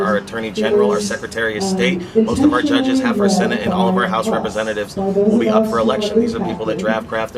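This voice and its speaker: High-voiced man's rally speech, heavily echoing. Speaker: activist speaker from a justice reform group. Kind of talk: rally speech urging people to vote. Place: public rally, voice picked up from a distance. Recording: very echoey, distant, loud crowd noise.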